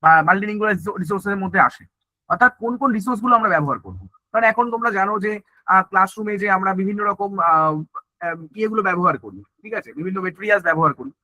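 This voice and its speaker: A man's voice: sits high, rapid-fire, bright, forceful tone, dry recording, poor audio. A male teacher giving an online exam-prep lecture, often asking and answering his own questions and checking in with "okay?". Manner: mixes English terms into Bengali, repeats "ঠিক আছে?" often.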